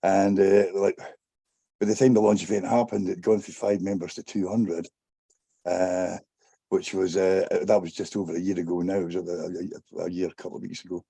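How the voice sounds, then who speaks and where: A man talking casually as a panel guest, in a halting, hesitant way with many pauses. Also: sits low, flat delivery, vocal fry, warm tone, slightly rough, dry recording. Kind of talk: casual interview talk.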